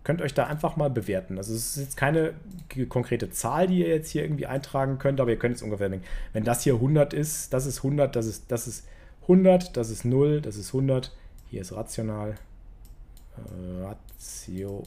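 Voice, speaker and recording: Chatty man teaching, mellow voice. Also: mid-range voice, a little fast, gravelly. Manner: chatty, many fillers, addresses viewers directly. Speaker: poker coach. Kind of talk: casual online lesson at a drawing board.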